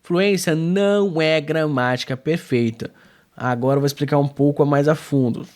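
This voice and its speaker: A slightly high-voiced Brazilian man gives a casual video lesson. His delivery is emphatic and informal, swinging up and down in pitch and full of slang and filler tags. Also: normal speed, darkish tone. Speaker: English teacher.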